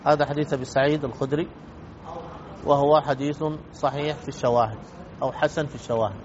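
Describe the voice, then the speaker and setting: A man's voice: medium pitch, fairly even intonation, fast talker. A man teaching a religious lesson on jurisprudence, explaining rulings methodically and repeating key points for emphasis. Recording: dull lo-fi with faint noise.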